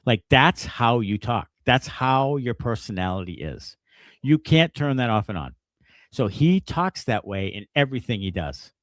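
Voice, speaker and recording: A man hosts a casual sports podcast, talking in a lively, swinging voice that rises and falls a lot. He rants with plenty of swearing. The sound is close and dry. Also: medium pitch, unhurried, no room sound. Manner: animated, profane ranting. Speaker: podcast host.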